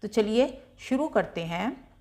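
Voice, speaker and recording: Woman, children's teacher; slow, careful, clearly spoken syllables. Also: medium pitch, lively intonation, darkish tone. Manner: slow, carefully drawn-out syllables for pupils to repeat. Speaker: Hindi teacher.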